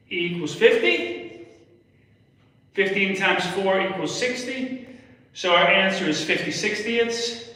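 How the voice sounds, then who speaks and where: High-pitched young man teaching, echoey room. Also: sharp tone. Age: young adult. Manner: step-by-step explaining, repeats himself. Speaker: math teacher on a livestream. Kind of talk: casual spoken math lesson. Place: indoor room with whiteboard in a public library. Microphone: phone camera a step away. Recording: echoey room, distant microphone.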